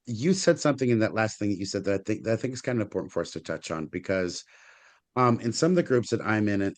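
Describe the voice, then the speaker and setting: Lively low-voiced male podcast host. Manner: hesitant, circling questioner. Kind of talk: podcast interview.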